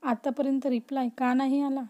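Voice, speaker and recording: Lively young woman in a family story, high and mellow, as the narrator voices her. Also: fairly quick, highs cut off, lightly acted.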